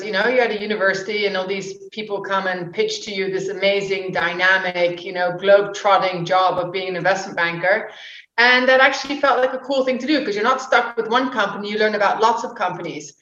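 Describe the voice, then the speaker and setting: A woman's voice: medium pitch, fairly quick, fairly bright tone. A woman in her forties talks as an interview guest, chatty and rambling, often restarting her sentences. Her voice sits in a middle range for a woman. The audio is roomy and a bit dull. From born in the UK. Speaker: guest, social entrepreneur and investor. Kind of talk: casual interview talk.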